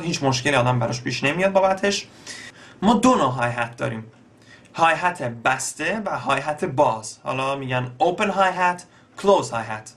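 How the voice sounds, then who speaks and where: Young Iranian man, slightly high voice, casual tutor who pauses often with fillers. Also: fairly bright tone. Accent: Iranian Persian. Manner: explains step by step with many pauses and fillers. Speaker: beatbox teacher.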